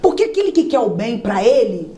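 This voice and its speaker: High-voiced woman giving a lively testimony. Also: fairly quick. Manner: animated, acts out quoted voices and prayers. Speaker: testimony speaker. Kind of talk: church testimony storytelling.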